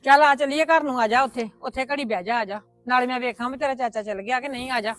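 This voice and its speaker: A woman's voice: sits high, fast talker, a bit bright. An actress playing a village woman who insistently coaxes a girl to come home with her. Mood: coaxing. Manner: coaxing, insistent.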